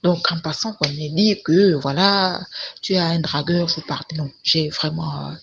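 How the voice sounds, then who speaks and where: A woman's voice: sits low, fairly even intonation, a little slow, vocal fry. A woman telling a personal testimony in a rambling, hesitant way, full of restarts. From Cameroon. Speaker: storyteller sharing a personal testimony. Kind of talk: casual spoken testimony. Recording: dull lo-fi audio with faint noise.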